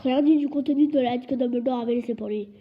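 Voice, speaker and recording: Woman putting on a big gruff giant, loud and blustering, husky voice, dull lo-fi sound. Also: a little high, fast. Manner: loud, indignant, roaring. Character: huge gruff man, quick-tempered, booming. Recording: dull lo-fi recording.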